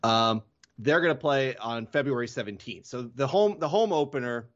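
A man's voice: mid-range voice, lively intonation, moderate pace, dull audio. A man hosting a hockey podcast in casual chat, often correcting himself mid-sentence. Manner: rambling, self-correcting.

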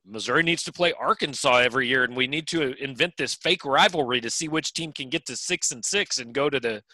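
A man's voice: medium pitch, brisk, pushed and bright, no room sound, low-quality recording. A man co-hosting a sports podcast in casual chat, with dry, wry humor and frequent restarts.

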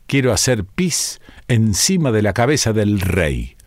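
A man's voice: lowish voice, sing-song, a little slow, dry recording, studio quality. A man voicing a bored, mischievous little boy prince in a storybook reading. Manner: whiny, mischievous.

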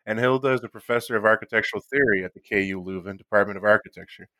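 A man's voice: on the low side, very fast, sharp tone, no echo. A man hosting a podcast interview, reading a polite and formal introduction before he questions his guests. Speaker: podcast host.

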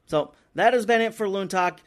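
A man's voice: high-pitched, moderate pace. A man hosting a soccer talk show on sports radio, in a conversational broadcast style.

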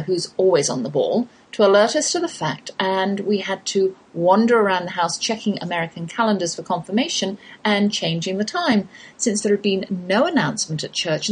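Middle-aged English woman, husky podcast host, lively pitch, chatty and wry. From England. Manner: chatty, homely storytelling with wry asides. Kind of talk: scripted podcast monologue.

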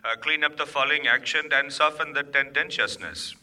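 A bright, courteous ghostwriter. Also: male voice, fairly high pitch, normal speed, slight background noise. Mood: polite. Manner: courteous, patient, upbeat. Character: polite cheerful hidden ghostwriter man, eager to please. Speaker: sketch character. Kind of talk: comedy radio sketch.

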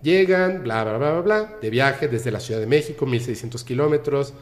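Hombre mexicano contando una anécdota animada. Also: male voice, mid-range voice, moderate pace. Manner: animated, acts out the people he quotes, laughs often. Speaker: podcast guest. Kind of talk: casual storytelling.

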